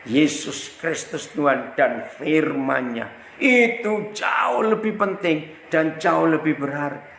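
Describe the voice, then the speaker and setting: An older man from Indonesia preaching as an evangelist, telling a story with lively acted-out dialogue. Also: on the high side, takes it slowly, creaky, reverberant, a little hiss or hum, rough recording. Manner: animated, acts out both sides of conversations. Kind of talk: sermon storytelling.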